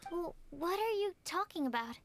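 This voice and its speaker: Squeaky little game sidekick: childlike, naive, curious, extremely high and bouncy. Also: female voice, lively intonation, normal speed, a bit bright, full character voice. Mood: confused, curious. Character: small childlike female creature companion, naive and curious. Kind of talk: scripted game voice acting. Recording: music behind.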